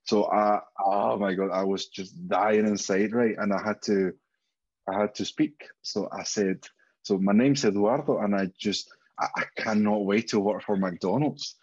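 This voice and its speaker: A man in his thirties from Spain appears as a guest on a video call from indoors at home, chatting candidly and swearing freely in a casual interview. His Spanish-accented voice is on the low side, unhurried, a little mellow with a breathy edge, and the highs are cut off.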